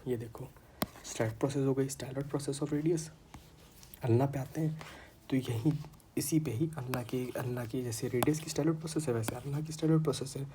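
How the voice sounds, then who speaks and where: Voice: mid-range voice, a little fast, background noise. An anatomy tutor with a sore throat, giving a casual online lecture in a chatty way and repeating terms for students.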